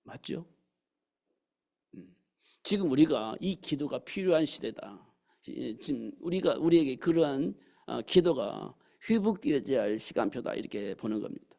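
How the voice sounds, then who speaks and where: In the sanctuary, a pastor gives a sermon with a mid-range, gravelly, darkish voice that's animated and paced normally. He keeps asking the congregation rhetorical questions and dramatizes God's words as he quotes them.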